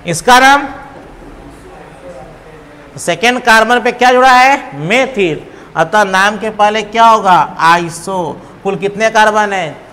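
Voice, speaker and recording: A long hall echo and faint noise surround this chemistry teacher's classroom lecture. He talks slowly in a high voice, quizzes students, counts aloud and teases them affectionately as babu.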